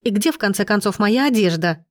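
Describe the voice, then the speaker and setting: A woman reading an audiobook, voicing an indignant, sharp-tongued young woman who hisses sarcastic retorts, in a dry, close recording. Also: medium pitch, expressive, brisk, dry recording, pitched above the performer's own voice, natural voice. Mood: angry. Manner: hissing, sarcastic outbursts.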